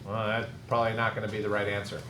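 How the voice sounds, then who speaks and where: Brisk, teasing male math teacher. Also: lowish voice, flat delivery, fairly bright tone. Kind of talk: classroom lecture. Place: classroom. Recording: echoey classroom, faint noise.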